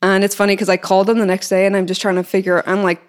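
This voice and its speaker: A woman's voice: medium pitch, flat delivery, rapid-fire, clean tone. A woman in her thirties with a Northern Irish accent, a podcast guest telling her story in a chatty way. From Northern Ireland. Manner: chatty storytelling, laughs easily. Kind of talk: casual podcast interview.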